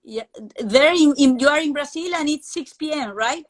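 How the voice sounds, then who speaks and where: Woman, hosting a casual live video call interview, bit halting. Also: high-pitched. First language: Spanish. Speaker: interview host.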